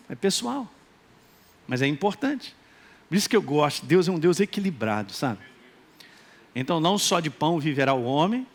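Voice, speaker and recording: Male pastor, Minas Gerais accent, high and very expressive, animated sermon with humor. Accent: Minas Gerais Brazilian Portuguese. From Brazil, Minas Gerais. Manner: animated, joking, calls out for responses.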